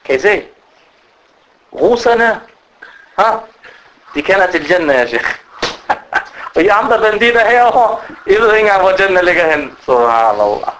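A man's voice: sits high, very animated, long pauses, fairly bright tone, a little hiss or hum, poor audio. A man giving a religious lecture, telling stories animatedly and often asking his listeners rhetorical questions. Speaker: preacher.

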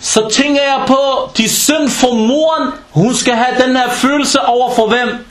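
A man preaching a humorous sermon in a mosque, telling stories with lively rhetorical questions and scattered Arabic religious terms. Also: extremely high pitch, roomy sound. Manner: animated storytelling with rhetorical questions.

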